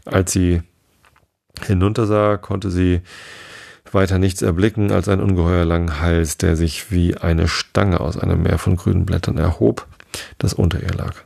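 A man narrating a classic fairy tale as an audiobook, steady and unhurried. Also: low-pitched, vocal fry.

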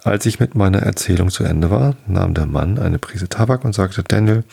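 A man narrating a folk tale as an audiobook reader, in a measured storytelling manner. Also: low voice, lively intonation, gravelly, darkish tone, husky.

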